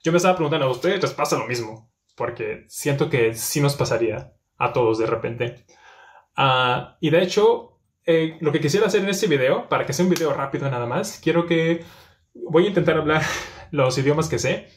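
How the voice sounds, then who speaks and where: A young adult man, a language teacher and vlogger, talks straight to camera in a small indoor room with a somewhat high-pitched voice at normal speed. Casual and reflective, he thinks aloud, filling gaps and restarting sentences as he searches for words.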